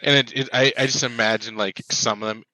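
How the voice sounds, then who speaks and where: A man's voice: medium pitch, steady tone, fairly quick, pushed and bright, no echo, low-quality recording. A man playing in a tabletop game, chatting enthusiastically and rambling with lots of fillers. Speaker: player. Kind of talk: casual tabletop chat.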